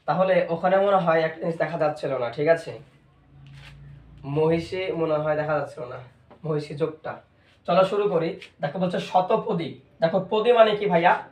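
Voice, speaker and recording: A man's voice: on the high side, echoey room, recorded from a distance. A man teaching a lesson with playful memory tricks, repeating key words over and over to drill them. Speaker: tutor.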